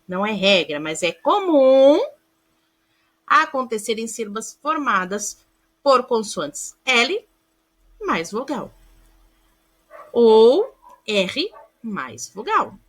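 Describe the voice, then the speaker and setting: In a recorded grammar lesson, a primary school teacher sounds out words syllable by syllable and affectionately calls her pupils "amores." She checks their understanding with questions, and her voice is on the high side and a bit bright.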